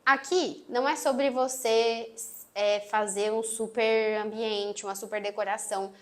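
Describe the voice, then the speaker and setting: A woman's voice: fairly high pitch, fairly even intonation, a little slow. Sweet-voiced Brazilian woman teaching. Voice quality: sweet, gentle voice. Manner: emphatic, closes phrases firmly. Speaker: marketing instructor. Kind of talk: online course lesson. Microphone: phone on tripod.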